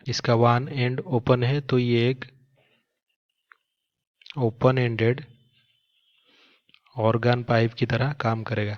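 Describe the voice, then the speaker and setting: In this lo-fi clip, a medium-pitched man with an Indian accent plays a physics teacher. He works through a problem step by step in a problem-solving lesson, mixing English terms into his explanation.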